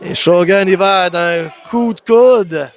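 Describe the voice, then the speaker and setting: A man with a Quebec French accent calls wrestling live as an excited, exclamatory commentator who often raises his voice. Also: high-pitched, takes it slowly, a faint crowd. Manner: exclamatory, often raising voice to a shout. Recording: noisy live event commentary.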